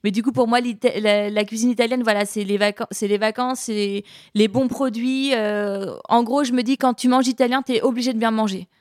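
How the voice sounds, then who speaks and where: A woman who cooks Indian food for a living, chatting in an interview and pausing often as she thinks aloud. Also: fairly high pitch, steady tone, no echo, studio quality. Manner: hesitant, thoughtful, many pauses and restarts. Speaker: chef of Indian cuisine. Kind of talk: casual interview conversation.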